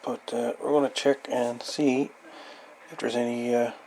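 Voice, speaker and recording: Speaking a little slowly with little pitch movement, a man with a medium-pitched, gravelly and slightly mellow voice walks through a radio repair at an indoor workbench. He is a hobbyist presenter, casual, matter-of-fact and off the cuff, recorded on a noisy amateur camera.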